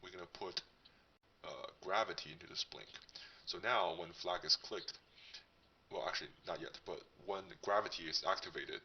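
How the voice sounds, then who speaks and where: A man hosting a casual coding tutorial, his voice disguised as a deep one by a voice changer, thinking aloud as he demonstrates. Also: pushed and bright, husky, distant mic, low-quality recording. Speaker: tutorial host.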